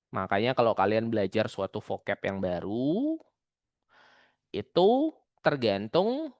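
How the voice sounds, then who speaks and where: Chatty young male tutor, crisp voice. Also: medium pitch, no echo, clean studio sound. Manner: chatty and explanatory, often tagging lines with "gitu" and "ya". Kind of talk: casual online exam-prep lesson.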